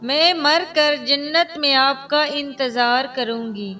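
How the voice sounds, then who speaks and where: Woman reading a young wife, tearful and clinging, high and bright, distant mic with music. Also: steady tone. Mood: pleading. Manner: pleading, tearful.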